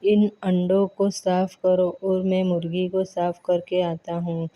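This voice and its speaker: A woman doing a foolish scheming village man, boastful and whiny, low flat voice. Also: slow, muffled recording.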